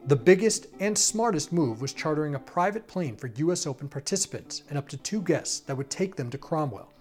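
A man's voice: a little high, expressive, a little fast, darkish tone, soft background music. Man reading a news feature. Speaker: reporter. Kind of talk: scripted news narration.

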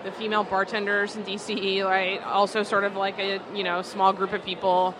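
Against the noise of a busy food market, a woman who co-owns a distillery answers an interviewer at a moderate pace. Her mid-range voice is completely flat, though her answers are casual and chatty, heavy with "like" and "um."

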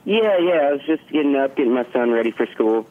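A man's voice: mid-range voice, expressive, fast talker. Man on a tinny phone line. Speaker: phone-in interview guest. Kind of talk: casual interview chat. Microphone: telephone call.

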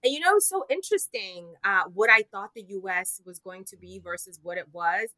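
A woman's voice: medium pitch, expressive, fairly quick, pushed and bright, no room sound, low-quality recording. A woman in her thirties from Zimbabwe, a TV host who is a guest on a podcast, telling stories with playful, self-mocking humor. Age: 30s. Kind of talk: casual interview chat.

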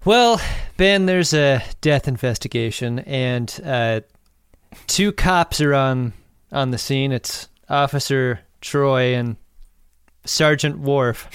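A man's voice: medium pitch, slow pace, clean tone, no room sound, studio quality. A man co-hosting a podcast, reacting with wry amusement in casual chat about a TV episode. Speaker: podcast co-host.

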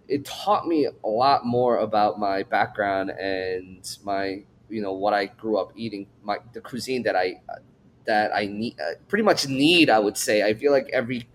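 A man's voice: lowish voice, normal speed, a little hiss or hum. A man from Korea, raised in New York, talking as a chef guest on a podcast in a thoughtful, rambling way. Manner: thoughtful, rambling, many fillers and restarts. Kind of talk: casual interview.

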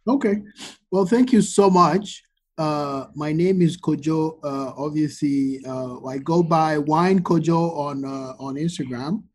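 A man's voice: on the high side, unhurried. A man, the guest on a podcast interview, telling his story at length with frequent ums and uhs. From Ghana. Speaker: guest, wine expert.

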